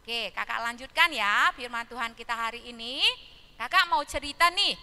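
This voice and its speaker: A woman teaching Sunday school, telling a story to small children in an animated way and asking them questions. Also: a little high, normal speed, in a large hall.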